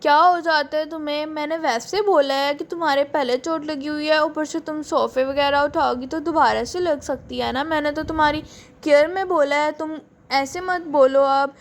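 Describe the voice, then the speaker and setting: A woman voicing a protective, quick-tempered young man doll in a toy story, speaking in a bright high voice. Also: steady tone. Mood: defensive. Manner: scolding, then defensive.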